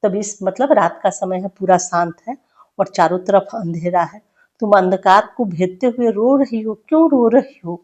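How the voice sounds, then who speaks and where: A woman's voice: mid-range voice, normal speed, darkish tone. A woman teaching a Hindi poem, reciting each verse with emphasis and then explaining it in loose, conversational speech full of fillers.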